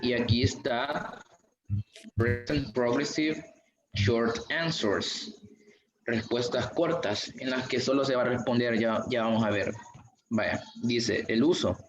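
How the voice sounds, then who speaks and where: A man teaching an online English class, patient and slow, going over each example again. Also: medium pitch, a little hiss or hum. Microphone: video call. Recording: dull, echoey room audio.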